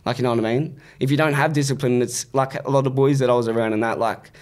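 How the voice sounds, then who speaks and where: Casting: Australian male rapper type for an interview, mid-pitched voice, blunt casual storytelling full of street slang and swearing. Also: quick pace. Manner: blunt, animated storytelling with repeated "bro" and "like".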